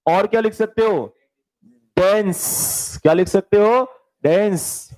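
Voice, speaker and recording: A man with an Indian English accent runs a live online spelling lesson, spelling out each word one letter at a time. His voice sits high for a man and his delivery is slow and drawn out. He keeps pressing students to hurry, calling them "beta". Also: darkish tone, low-quality recording. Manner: brisk, urging students to answer fast, spells words letter by letter; calls students "beta" and "bhai", reads out their comments. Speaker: English grammar teacher.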